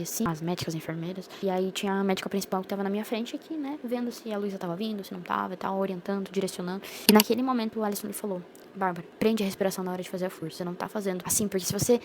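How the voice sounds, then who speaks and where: Rapid-fire chatty young woman vlogger. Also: medium pitch, a little mellow, a little hiss or hum. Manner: chatty, rapid, full of fillers and slang. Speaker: vlogger sharing her birth story. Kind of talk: casual personal storytelling to camera.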